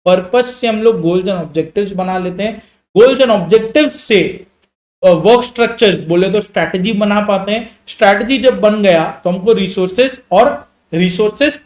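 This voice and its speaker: Man, high voice, young adult, teacher, exam revision lecture, asks and answers own questions. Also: roomy sound. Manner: explains in quick Hindi mixed with English terms, asks and answers own questions.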